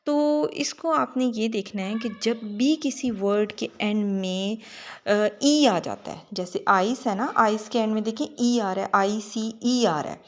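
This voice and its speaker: A woman's voice: medium pitch, measured pace. A young woman teaching phonics, patiently sounding out letters and words one at a time. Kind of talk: slow teaching lecture.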